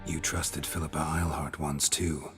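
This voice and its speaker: Geralt, a terse monster hunter. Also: male voice, rumbling low, level tone, measured pace, over music. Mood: dry. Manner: terse, dry and clipped. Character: gruff middle-aged male monster hunter. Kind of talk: video game dialogue.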